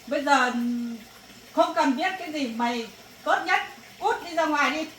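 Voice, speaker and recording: Playing a furious rural mother in a family drama, a woman scolds her daughter in a high voice with lively intonation at a moderate pace, erupting in shouted bursts. The sound is echoey, far off and faintly noisy.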